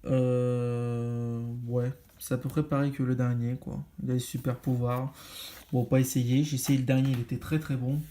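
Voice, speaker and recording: A man's voice: medium pitch, flat delivery, moderate pace, mellow. A man casually reviewing games he bought, talking in a rambling way with many fillers. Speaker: video game collector vlogger.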